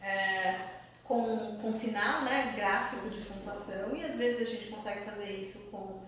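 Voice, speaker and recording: A woman professor with a mid-range voice and measured pace lectures in a lecture hall, lively, quizzing the room and laughing often as she explains. The recording is loud and echoey, far from the mic, with a noisy background.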